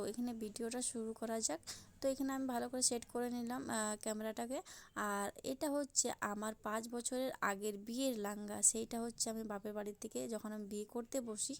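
A woman's voice: on the high side, a little mellow. A young woman narrating her own vlog in a casual, rambling way, with fillers and self-corrections. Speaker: vlogger.

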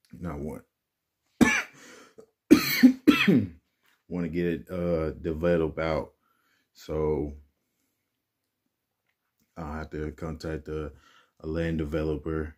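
A young man with a very deep, dark voice chats slowly and loosely to his camera in his apartment. He rambles with slang and restarts, slightly out of breath from hauling furniture. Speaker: vlogger. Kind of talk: casual vlog chat. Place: apartment bedroom, indoors.

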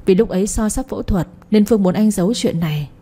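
A woman voicing a tender young husband who speaks in a low, warm, even tone, consoling his grieving wife in an audiobook story. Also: fast talker, slightly rough. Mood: gentle, consoling.

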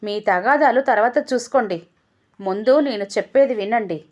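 A woman's voice: a little high, normal speed, darkish tone, close to an everyday voice. A woman voicing a stern male tax officer who speaks in an angry, threatening way.

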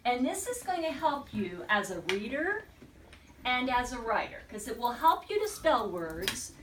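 A woman teacher leading a classroom word-study lesson, encouraging and repeating words slowly and deliberately. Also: a little high, sing-song, a bit bright, a little hiss or hum. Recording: echoey classroom from far off.

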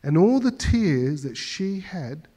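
A man's voice: a little high, very animated, takes it slowly, warm tone. A male pastor preaching a sermon, telling a story with emphasis and often repeating words as he goes.

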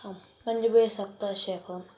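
A young girl chatting excitedly to viewers while she plays a mobile game, reacting loudly to each moment. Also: mid-range voice, a little fast, low-quality recording. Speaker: gaming video creator. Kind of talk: casual gameplay commentary. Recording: music playing behind the voice.

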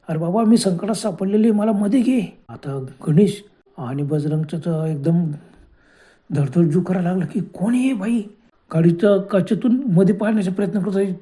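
A man's voice: high-pitched, dark tone. A man narrating a horror story in a dramatic way, often exclaiming in fright.

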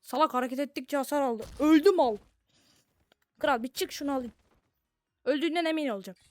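A young Turkish woman streams a virtual reality game, offering casual, playful commentary and taunting the characters in mock-friendly tones, with sudden bursts of shouting. Her voice is high-pitched and fairly quick, with no room sound.

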